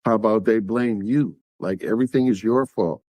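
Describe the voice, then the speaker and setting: A man hosts his own podcast in a casual, direct style, addressing listeners as "y'all". His voice sits on the low side. The sound is dry and close, with no room echo. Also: moderate pace, a little mellow. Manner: conversational, talks straight to listeners, acts out quotes. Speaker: podcast host.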